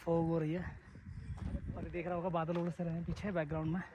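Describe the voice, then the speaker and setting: A man's voice: fairly high pitch, monotone, fast talker, background noise. A man chatting casually to his viewers while trekking up a foggy hill trail, speaking into a handheld camera. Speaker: travel vlogger. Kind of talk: casual vlog narration to viewers. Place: outdoor hill trek in fog.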